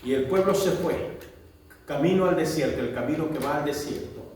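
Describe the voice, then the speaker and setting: A man preaching a sermon, swinging between loud drawn-out proclamation and low quick asides. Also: a little hiss or hum. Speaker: pastor. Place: church. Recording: echoey church hall, mic at a distance.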